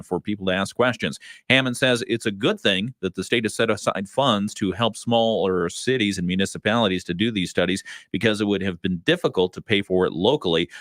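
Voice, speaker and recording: Low-voiced radio guy reading the morning news, steady, dry studio mic. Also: no room sound. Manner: steady newsreader delivery, laughs easily in chat. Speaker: radio co-host and newsreader.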